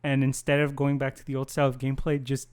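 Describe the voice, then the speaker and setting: A man's voice: mid-range voice, completely flat delivery, fast, a little mellow, clean tone. A man co-hosting a casual gaming podcast, laid-back and swearing casually as he chats with friends. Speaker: podcast co-host. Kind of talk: casual chat.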